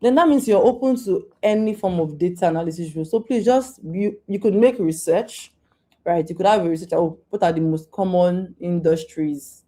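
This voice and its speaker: Low mellow-voiced woman coaching on a call. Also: normal speed. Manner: informal, repeats and restarts, coaching tone. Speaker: guest speaker on data careers. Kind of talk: live online Q&A session. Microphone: video call.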